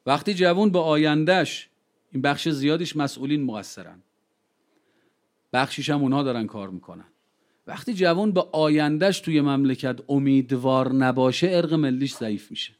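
A man giving an impassioned speech to a gathering. He fires rhetorical questions at the listeners, slows right down to stress key phrases, and tells anecdotes with quoted dialogue. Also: fairly high pitch. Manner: lively storytelling with quoted dialogue. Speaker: public speaker addressing a gathering.

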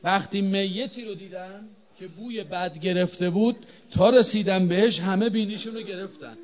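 High-voiced man preaching emotionally. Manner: emotional preaching that swings from loud chanting to hushed talk. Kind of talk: religious sermon to a live congregation. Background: crowd of mourners.

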